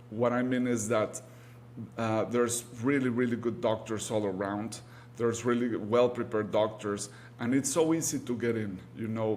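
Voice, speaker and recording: Being interviewed as a guest, an orthopedic surgeon from Mexico City, a native Spanish speaker with a Mexican accent, phrases things hesitantly and repeats words for emphasis. His voice is medium-pitched and darkish, with slight background noise.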